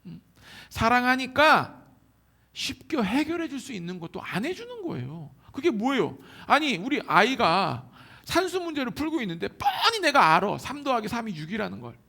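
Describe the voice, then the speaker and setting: A man preaching with a high, gravelly voice that swings widely in pitch. He talks in a casual, animated way and keeps slipping into the voices of the people in his examples. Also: normal speed. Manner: animated, colloquial preaching that acts out quoted voices. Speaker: pastor. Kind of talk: sermon. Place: church hall.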